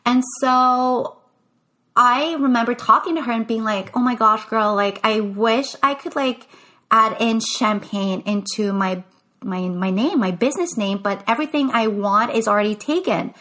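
The speaker is a young Quebec business coach chatting on her own podcast in a casual, solo style, full of restarts and "like" fillers. Her fairly high voice has a sharp tone and a moderate pace.

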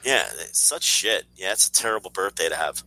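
A tired man with a worn, hoarse voice in casual podcast banter, foul-mouthed and griping, repeating phrases for emphasis. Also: sits low, lively intonation, fairly quick, sharp tone, rough recording. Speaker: podcast co-host.

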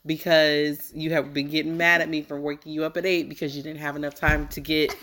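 A woman in her thirties with a notably low, deep-set speaking voice. She hosts a casual parenting chat as a mother, playful and teasing, laughing often as she talks. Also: level tone, fairly quick, fairly bright tone. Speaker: mother hosting a parenting video.

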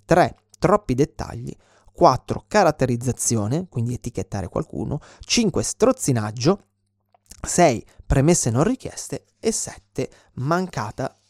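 A man's voice: mid-range voice, big pitch swings, slow pace, darkish tone, no echo. Earnest male instructor, explanatory delivery, close dry mic. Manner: earnest, frequent restarts and "ok?" check-ins. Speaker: self-defense instructor. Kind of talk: explanatory spoken lesson.

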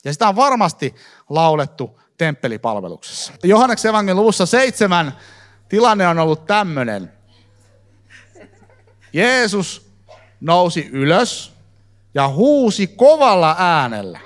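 High-voiced man preaching to a congregation. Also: long pauses. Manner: lively, fillers and restarts, addresses congregation directly. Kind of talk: live sermon teaching. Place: church hall with congregation.

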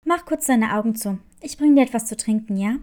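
A woman voicing a calm, middle-aged female school nurse who questions a child gently, in a storybook tale. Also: a little high, a little fast, voice pushed down, natural voice. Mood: gently probing.

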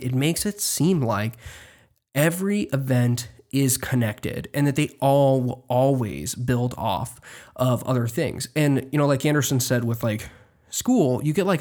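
A man co-hosting a casual book podcast, measured as he builds on his co-host's point. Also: mid-range voice, darkish tone. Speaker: podcast co-host.

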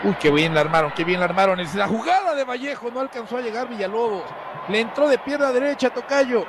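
Casting: Mexican male football announcer, very high excitable voice, breakneck goal commentary over a roaring stadium crowd. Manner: excitable, repeats names, drawn-out goal cries. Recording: noisy stadium broadcast with loud crowd. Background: loud crowd and stadium noise.

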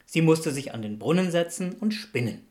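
A woman narrating a fairytale radio play in a measured storytelling manner. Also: low voice, lively intonation, a little mellow.

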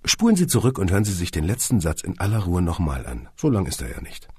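A man narrating an audiobook with dry humour, now and then turning to address the listener. His voice is low and husky, with a lively, varied melody. The recording is close and dry. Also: fast, no echo. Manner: wry, dry humour, speaks to the listener directly.

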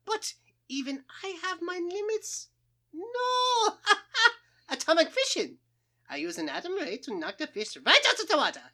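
A woman's voice: extremely high pitch, big pitch swings, unhurried, pushed and bright, full character voice. A woman voicing a boastful, eccentric male mad scientist with a put-on German accent, blustering and cackling in a comic radio play. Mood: pompous, ranting. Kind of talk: comic old-time radio play acting.

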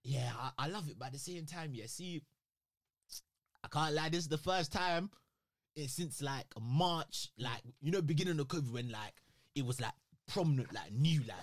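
A man's voice: on the high side, moderate pace, no echo, studio quality. A young adult man with a London roadman accent, chatting casually with a friend in heavy street slang and often repeating himself. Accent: London, urban street slang.

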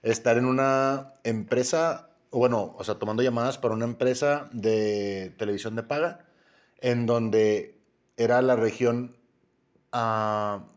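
A man talks in an easygoing, plain-spoken way at a middle pitch. The recording is dull and lo-fi. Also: fairly even intonation, a little slow. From Chihuahua, Mexico. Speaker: call center trainer. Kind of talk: casual slangy chat.

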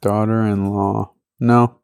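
A man's voice: fairly low pitch, little pitch movement, slow, vocal fry, a little mellow, smooth, dry recording. A man co-hosting a podcast, chatting casually in a blunt, dry, laid-back way. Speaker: podcast co-host. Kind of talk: casual chat.

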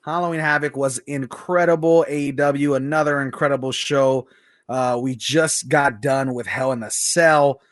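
A man's voice: medium pitch, steady tone, moderate pace, no echo, clean studio sound. A man co-hosting a radio show, chatting casually about sport.

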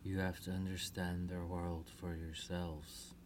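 A woman voicing a gentle fairy queen and mother in a storybook, speaking softly in a comforting, near-whispered tone. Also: rumbling low, level tone, measured pace, a little hiss or hum, pitched below the performer's own voice. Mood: tender.

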